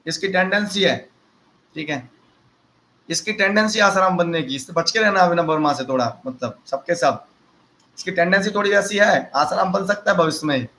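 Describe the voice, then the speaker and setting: A man's voice: sits high, bright, forceful tone, rough recording. A man, teaching a live online lecture and mixing chatty, teasing asides to his students into the explanation.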